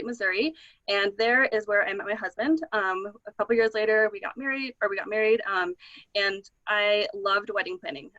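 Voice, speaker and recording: A woman's voice: medium pitch, pushed and bright, no room sound, dull audio. A woman from Michigan, speaking as a panelist in a chatty, hesitant way with many fillers. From Michigan, United States. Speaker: panelist, influencer. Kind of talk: casual panel talk.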